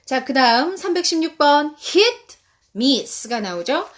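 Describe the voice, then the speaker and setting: A woman in her thirties hosting a live-stream guide for parents, talking in an animated way and reading English phrases slowly. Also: high-pitched.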